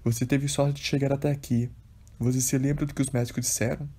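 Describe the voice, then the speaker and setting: A man's voice: mid-range voice, little pitch movement, fast talker, warm tone, husky. A man voicing a taunting male devil spirit in a devotional audiobook, reading the lines plainly.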